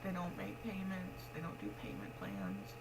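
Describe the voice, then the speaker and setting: A woman's voice: on the low side, big pitch swings, moderate pace. A young adult woman talking casually and frankly to her vlog, rambling in a matter-of-fact way, with the speech of someone missing front teeth. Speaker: pregnant vlogger. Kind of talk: casual confessional vlog talk. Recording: clearly noisy home recording with hum.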